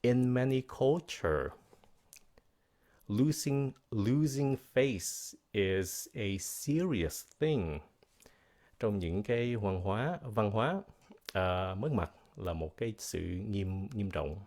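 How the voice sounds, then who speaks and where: A man teaching English vocabulary in a bilingual lesson, explaining words slowly and repeating pronunciations, switching between English and Vietnamese. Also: lowish voice, expressive, darkish tone. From United States.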